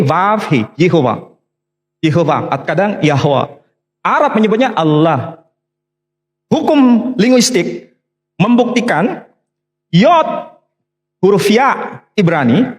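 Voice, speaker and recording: A man delivers a religious history lecture in a high voice. His pitch swings widely as he explains. He slows down to spell out letters and lean on key terms. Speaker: Islamic preacher and scholar.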